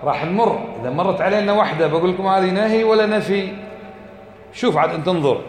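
This religious teacher talks fast in a voice that sits high, quizzing students, repeating points, and chanting quoted verses. The class is recorded in an echoey hall with faint ambience.

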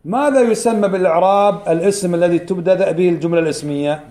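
Male religious teacher, high-pitched, drills key phrases and quizzes the class. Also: dark tone. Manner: quizzes the class with quick questions; repeats key phrases slowly for emphasis. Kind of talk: religious lesson.

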